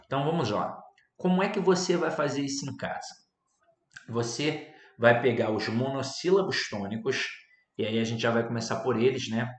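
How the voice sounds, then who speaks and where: A man's voice: medium pitch, normal speed. Brazilian man teaching grammar, echoey room. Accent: Brazilian Portuguese. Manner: lively, stresses words loudly to show syllables. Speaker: Portuguese teacher. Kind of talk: online grammar lesson. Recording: roomy echo.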